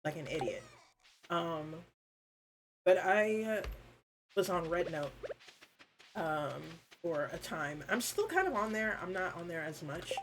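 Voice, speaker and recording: A woman's voice: lowish voice, animated, slow pace, pauses often, background noise. Laid-back woman streamer chatting casually. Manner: rambling and informal, with frequent fillers and swearing. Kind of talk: casual chat with viewers on a live stream.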